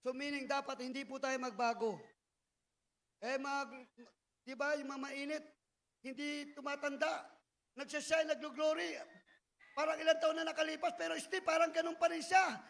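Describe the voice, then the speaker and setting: A male preacher delivering a fervent sermon, often bursting into shouted exclamations. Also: extremely high pitch, level tone, moderate pace, gravelly, pauses often.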